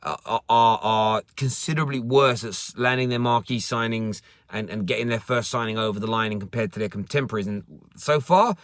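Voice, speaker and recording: A young man in his parked car runs a relaxed football live stream, answering viewer comments with frequent repeated words and restarted sentences. His voice is medium in pitch, fairly quick, and fairly bright. The recording is dry.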